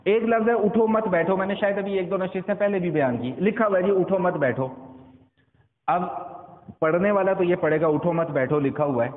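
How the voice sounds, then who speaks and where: A man preaching a Friday sermon, repeating his phrases and answering his own rhetorical questions. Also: high voice. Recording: echoey hall, thin phone-like sound.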